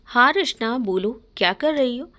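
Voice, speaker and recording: An earnest young woman, pleading and sincere, with a fairly high voice, as a woman storyteller does her. She sounds like a loyal friend insisting on the truth in a storybook reading. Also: expressive, measured pace, pushed and bright.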